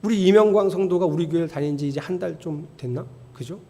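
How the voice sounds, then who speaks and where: Male pastor, high and expressive sermon voice, long reverberant hall sound. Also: fast talker. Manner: animated storytelling, rising to near-shouting emphasis. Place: church sanctuary.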